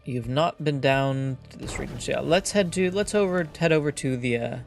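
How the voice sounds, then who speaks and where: A man's voice: medium pitch, normal speed, vocal fry. A man hosting a let's play, musing aloud casually and reading game text as he plays. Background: faint game music.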